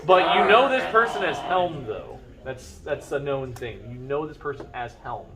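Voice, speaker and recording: A man improvising narration as game master of a tabletop fantasy game, in an informal, halting way as he pieces descriptions together. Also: on the high side, lively intonation, a crowd in the background.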